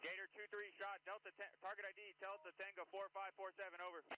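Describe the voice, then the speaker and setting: Brief: high, quick, flat-toned soldier calling over a muffled walkie-talkie. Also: male voice. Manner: clipped, flat radio procedure. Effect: over a walkie-talkie radio. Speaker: soldier on a launcher crew. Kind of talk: military radio call. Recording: muffled radio transmission.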